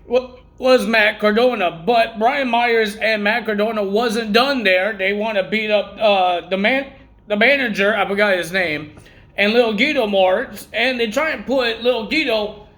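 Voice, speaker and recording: A man's voice: sits high, bright, forceful tone. Rambling man with the hiccups. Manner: rambling, self-correcting, hiccuping. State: has hiccups. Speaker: wrestling results vlogger. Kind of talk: casual recap vlog.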